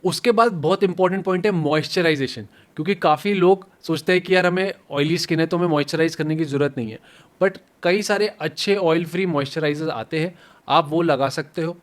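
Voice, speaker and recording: A man's voice: fairly high pitch, fairly quick. A man dermatologist giving step-by-step skin care instructions, mixing in English medical terms. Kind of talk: medical explainer.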